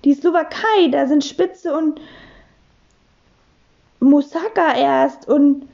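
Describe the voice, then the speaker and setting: A woman's voice: high-pitched, takes it slowly, gravelly, darkish tone, muffled recording, voice pushed up, heavily acted. A woman voicing a blunt, cheeky schoolboy. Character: cheeky, slow-witted schoolboy.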